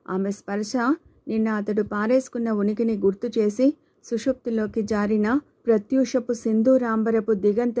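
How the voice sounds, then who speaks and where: Warm-voiced woman narrating a novel. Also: mid-range voice. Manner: measured literary reading. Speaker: audiobook narrator. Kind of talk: scripted narration.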